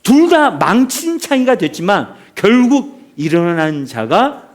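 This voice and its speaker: A man's voice: high voice, sing-song, a little slow. A man preaching a sermon as a pastor, telling stories with animation and throwing questions out to the congregation.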